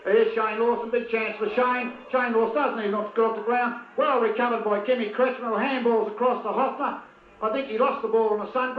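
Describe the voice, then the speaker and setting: Blunt, partisan football caller with a high voice, recorded in an echoey space. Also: male voice. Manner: blunt, opinionated, heckles players by name. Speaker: football commentator. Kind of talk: partisan amateur match commentary. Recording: tinny lo-fi old video with echo.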